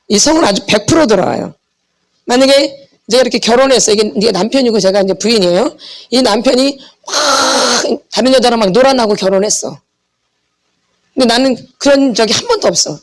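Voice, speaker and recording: A woman teaching a church healing seminar in a sermon style, asking her listeners short questions and answering them herself. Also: on the high side. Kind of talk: teaching sermon with call and response.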